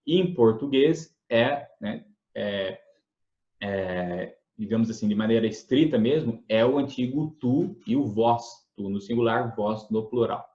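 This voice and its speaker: A man's voice: mid-range voice, darkish tone, reverberant, dull audio. A man teaching a grammar lesson in a conversational way, with many fillers and restarts, often checking whether the listener has understood. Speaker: English teacher. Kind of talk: explanatory lesson.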